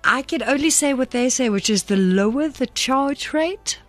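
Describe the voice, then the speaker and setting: A woman's voice: high voice, lively intonation, normal speed, soft background music. A South African woman presenting on radio, explaining casually and slipping between two languages. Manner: switches between English and Afrikaans.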